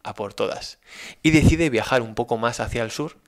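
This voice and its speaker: A man with a Spanish accent telling a story in a casual, animated, folksy way, often checking in with his listener. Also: medium pitch, normal speed. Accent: Spain. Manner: animated, folksy, frequent "¿vale?" check-ins.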